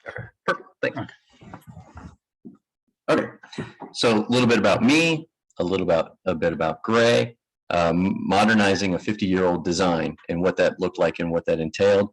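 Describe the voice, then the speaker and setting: A man from Kentucky with a Kentucky accent giving a presentation to an audience, relaxed and self-deprecating. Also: sits low, moderate pace, pauses often, husky, poor audio. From Kentucky, United States. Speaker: guest presenter. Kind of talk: conference presentation. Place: lecture room with live audience.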